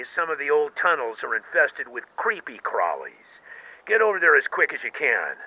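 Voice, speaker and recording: A brisk ranger radio dispatcher. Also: male voice, mid-range voice, narrow, tinny audio, a little hiss or hum. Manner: clipped radio call protocol. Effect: radio transmission. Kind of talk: video game voice acting.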